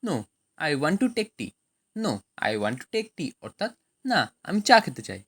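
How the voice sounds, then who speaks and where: A woman with a Bengali accent teaching spoken English, saying each phrase slowly and then giving its meaning in Bengali. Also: fairly low pitch, sing-song, breathy edge. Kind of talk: language lesson, phrase then translation.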